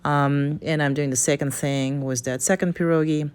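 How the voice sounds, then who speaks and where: Presenting a recipe as a home cook, this woman from Kazakhstan talks with a Kazakh accent in a loose, unscripted voice-over, hesitating and frequently breaking off to start again. She sits low in pitch, keeping a steady tone at a moderate pace, and sounds darkish and smooth.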